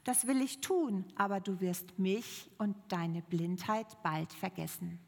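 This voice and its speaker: A woman voicing Life, a calm wandering healer. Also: medium pitch, slow pace, gravelly, big-room sound.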